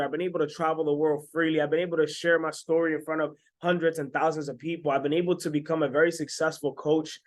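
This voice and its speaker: A young man in his twenties, from the Dominican Republic, talking straight to his viewers as a self-made coach. His voice sits a little high, and he keeps up a pumped, salesy energy, checking in with a quick "right?" after his points. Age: 20s. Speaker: online business coach. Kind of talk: motivational sales pitch to camera.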